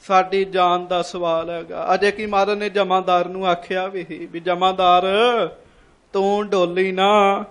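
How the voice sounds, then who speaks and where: High-voiced man preaching a sermon. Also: flat delivery, moderate pace, few pauses, a bit bright, smooth. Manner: repeats lines, asks the congregation questions; calls the congregation to respond. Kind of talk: sermon storytelling.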